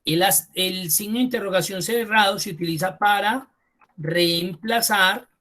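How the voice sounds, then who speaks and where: A man teaching a spreadsheet class online. He repeats key terms slowly for emphasis and speaks to the students directly and informally. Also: sits high, a bit bright. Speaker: computer course instructor.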